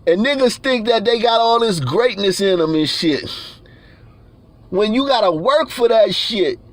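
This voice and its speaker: Profane high-pitched man ranting. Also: animated, measured pace, dry recording. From Nigeria. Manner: profane, blunt, repeats himself when worked up. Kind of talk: heated ranting monologue.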